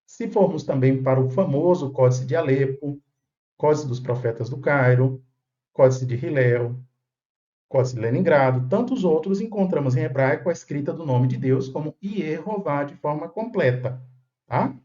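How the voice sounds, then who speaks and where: A man's voice: fairly high pitch, moderate pace, dark tone, muffled recording. A man giving a video lesson on old manuscripts, explaining step by step and often checking in with his viewers. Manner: didactic, checks in with "tá?" and "né?". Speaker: Bible manuscript lecturer.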